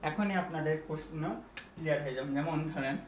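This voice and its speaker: A man with a slightly high voice teaches at a whiteboard, spelling out words letter by letter and often asking his viewers questions. He is recorded in an echoey room with a faint hum underneath. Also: a little fast. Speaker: English teacher. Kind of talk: classroom-style lesson at a whiteboard.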